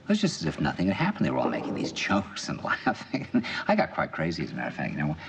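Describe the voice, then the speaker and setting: A man's voice: very deep voice, wildly swooping pitch, fast, creaky, slight background noise, exaggerated voice. An actor playing an intense middle-aged man confiding over dinner in earnest, probing film dialogue. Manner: earnest, probing, builds to emphatic bursts.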